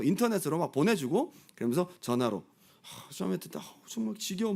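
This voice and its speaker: A male pastor leading a Bible study, talking in an animated way and acting out the voices of crowds and people in the story. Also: a little high. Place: church.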